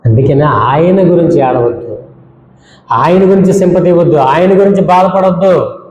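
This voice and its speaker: A man's voice: fairly high pitch, normal speed, darkish tone, slight background noise. A male pastor preaching a sermon, scolding his congregation with rhetorical questions and repeated lists. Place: church hall. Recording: dull echoey church hall with long reverb.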